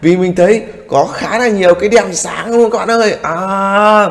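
A man giving excitable reaction commentary on a video, exclaiming often and calling out to his viewers. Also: high-pitched, moderate pace. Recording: long reverb with loud background noise.

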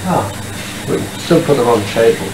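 A man's voice: medium pitch, animated, brisk. A man on an old VHS home video, patiently coaxing a young child with simple questions at home. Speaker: parent filming a home video. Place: family home indoors. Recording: noisy, echoey home video tape.

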